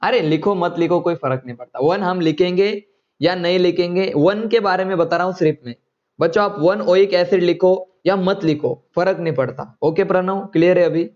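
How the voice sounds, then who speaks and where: Guy doing online chem class, highish voice, muffled audio, keeps asking kids if its clear. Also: moderate pace, darkish tone. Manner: coaxing, repeats words, checks students often. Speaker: chemistry teacher.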